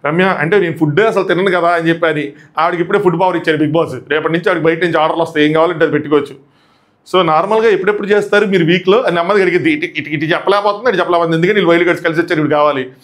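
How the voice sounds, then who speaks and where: A man giving live commentary on a reality show, retelling events animatedly and acting out what people said. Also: fairly high pitch. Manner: rapid animated retelling that acts out quotes.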